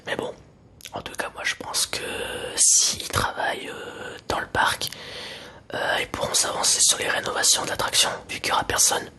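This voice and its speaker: Casting: male ASMR creator, hushed library whisper, crisp bright edge, casual and hesitant delivery. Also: moderate pace. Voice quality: soft, breathy whisper.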